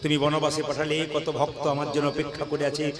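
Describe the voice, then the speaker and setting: A man voicing a calm, forgiving divine prince who speaks softly and low, in a devotional storytelling performance. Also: lightly acted. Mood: serene. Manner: soft, low, measured speech.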